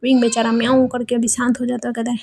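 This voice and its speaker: A woman's voice: fairly high pitch, completely flat delivery, fast talker, vocal fry, mellow. A woman narrating a fan story in a chatty, loose storytelling manner with fillers.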